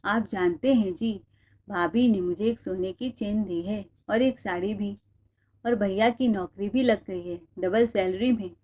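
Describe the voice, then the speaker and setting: A woman voicing a calm, kind young married woman who speaks softly. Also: mid-range voice, a little slow, close to an everyday voice. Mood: gentle.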